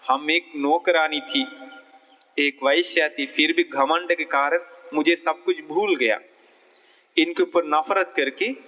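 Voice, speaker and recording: Monk doing a sorry courtesan lady begging to be forgiven, slow and bright, echoey hall. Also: a little high. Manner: pleading, apologetic. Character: remorseful former courtesan woman begging forgiveness.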